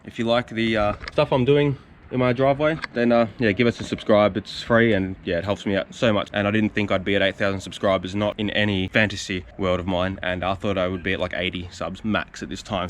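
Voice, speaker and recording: Fast-talking guy in his driveway. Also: fairly low pitch, a little hiss or hum. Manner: rambling, emotional, many restarts. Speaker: car vlogger. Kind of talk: casual vlog to camera. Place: home driveway, outdoors.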